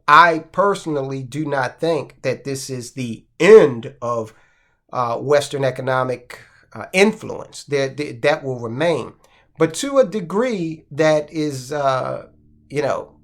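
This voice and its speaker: A fairly high-voiced American man hosting a finance show. He talks in a loose, conversational way, stopping to throw in asides and rhetorical questions as he walks through the headlines. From United States. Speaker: finance channel host. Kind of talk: casual commentary.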